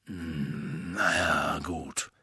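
A man voicing a gruff, nervous giant gamekeeper in an audiobook, with halting, clipped speech. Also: deep voice, sing-song, sharp tone, dry recording, voice pushed down, full character voice. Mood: hesitant. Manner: hesitant, halting. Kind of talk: audiobook character voice.

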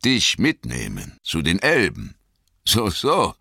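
Man doing a grumpy old wizard, slow and stern, lively bright voice. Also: low-pitched, gravelly, slightly rough, no room sound, studio quality, exaggerated voice. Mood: teasing. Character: stern old male wizard, gruff but kindly.

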